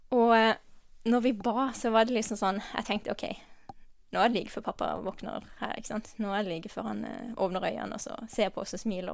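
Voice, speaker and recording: A woman giving a personal faith testimony, halting and earnest, with many pauses and restarts, sometimes dropping to a soft whisper. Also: mid-range voice, creaky, dry recording, clean studio sound. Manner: drops to a soft whisper at tender moments. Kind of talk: personal testimony, spoken from memory.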